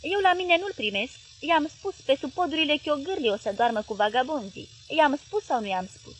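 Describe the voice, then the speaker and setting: A woman's voice: sits high, expressive, a little hiss or hum, voice pushed up. A woman voicing an angry, scornful man. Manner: gruff, growling, indignant. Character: angry, scornful grown man scolding his wife.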